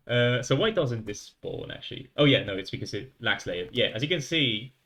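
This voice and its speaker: Coding live for his viewers, a young Frenchman with a light accent thinks aloud and chats casually. His mid-range voice is a bit bright, with lively intonation and a measured pace.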